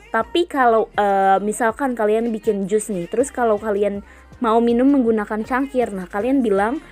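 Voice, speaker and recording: A woman teacher with an Indonesian accent, patiently explaining an English lesson to young children and repeating each phrase slowly. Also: fairly high pitch, darkish tone, faint music behind.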